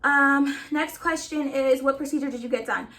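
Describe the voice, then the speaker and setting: A woman's voice: sits high, normal speed, pushed and bright. A woman chatting casually to her viewers in an emphatic, sassy, slangy way, a little short of breath. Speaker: vlogger.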